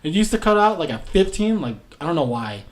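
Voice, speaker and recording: A man's voice: on the high side, very animated, brisk. A young man co-hosting a casual podcast chat, joking around and laughing often. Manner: jokey, laughs often, does silly pirate voice. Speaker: podcast co-host.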